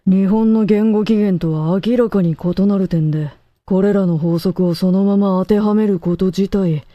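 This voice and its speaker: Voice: medium pitch, fairly even intonation, moderate pace, no room sound, lo-fi sound. A co-host who delivers stern, lecturing verdicts in short declarative sentences. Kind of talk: terse authoritative pronouncements.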